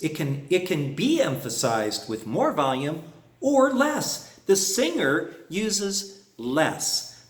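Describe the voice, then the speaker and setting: A man's voice: a little high, fairly bright tone, roomy sound. A man teaching a harmonica lesson in a folksy way, humming phrases on "na" to show them. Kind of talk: music lesson explanation.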